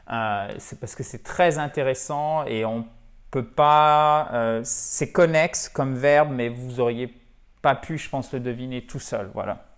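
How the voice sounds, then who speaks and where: Man, English teacher, patient explanations, checks understanding, lively lesson. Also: mid-range voice, smooth. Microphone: camera.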